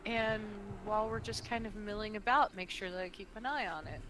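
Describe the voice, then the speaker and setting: A woman playing a tabletop game, chatty and animated, asking about rolls and spells. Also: medium pitch, a little fast, background noise. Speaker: player. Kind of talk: casual tabletop play.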